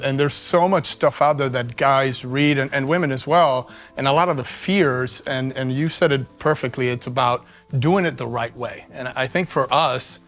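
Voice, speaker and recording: Male host, friendly, halting with fillers, mid pitch, faint music bed. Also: a bit bright. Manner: friendly, hesitant, with many fillers. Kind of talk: casual panel discussion.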